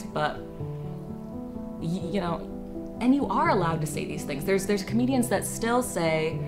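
A young woman, a stand-up comedian, speaking bluntly and opinionatedly in a documentary interview. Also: lowish voice. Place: room with brick wall.

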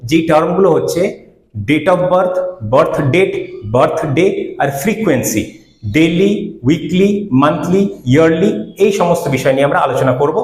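A man's voice: a little high, reverberant. A man giving a religious lecture, arguing his points with rhetorical questions. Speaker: Islamic preacher.

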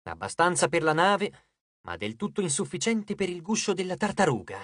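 An audiobook narrator giving a lively, dramatic scripted reading on a close studio mic. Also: mid-range voice, normal speed, no room sound.

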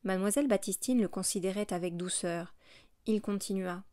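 A woman reading a classic novel aloud as an audiobook narrator, in a steady, measured way. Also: medium pitch, no room sound, clean studio sound.

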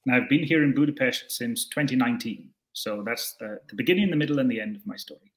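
Speaking fast in a mid-range voice, a young man from Scotland is an interview guest on a video call from a room at home. He answers questions thoughtfully yet hesitantly, often using fillers and restarting his sentences.

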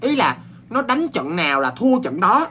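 A man with a Southern Vietnamese accent telling a ghost story in a chatty, animated way, full of exclamations and restarts. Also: sits high, normal speed, breathy edge.

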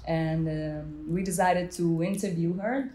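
Woman host, low voice, eager and halting, echoey gallery room. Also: fairly even intonation, dark tone. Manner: enthusiastic, hesitant with fillers. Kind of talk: interviewer chat. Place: art gallery, indoors.

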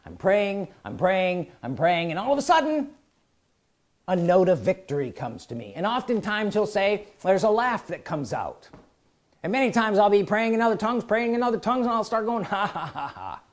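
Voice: mid-range voice, normal speed. A preacher delivering a sermon, often stopping to ask the congregation questions. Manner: animated, calls out questions to the congregation.

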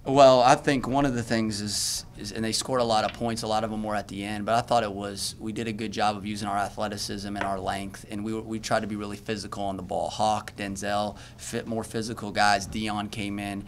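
A man's voice: lowish voice, flat delivery, brisk, few pauses, a little hiss or hum. A man in his thirties, a basketball coach answering questions at a postgame press conference, earnest and often restarting his sentences. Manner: earnest, self-correcting, many restarts. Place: press room at a podium. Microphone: podium mic.

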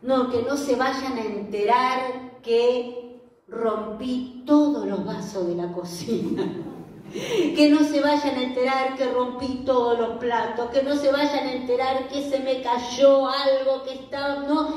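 A woman pastor with a Rioplatense Argentine accent preaches in a slow, chatty way, often turning to her listeners with questions. Her voice sits a little high. She is heard from a distance, with strong echo around her. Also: steady tone, a little mellow. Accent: Rioplatense Spanish. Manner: conversational, asks the audience questions. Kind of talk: sermon. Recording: echoey room, voice from far off.

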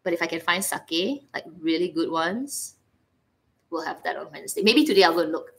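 A woman's voice: on the low side, a little fast. A woman with a Singaporean accent hosting a casual livestream, playful and rambling as she chats to viewers. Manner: animated, playful, rambling, reacting aloud to viewers' comments. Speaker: livestream host. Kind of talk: casual livestream chit-chat. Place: living room, indoors.

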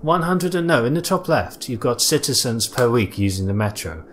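A man's voice: mid-range voice, big pitch swings, moderate pace, slight background noise. A young man teasing and directing his friend while they play a city-building game. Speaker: let's play co-host. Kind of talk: casual gameplay commentary.

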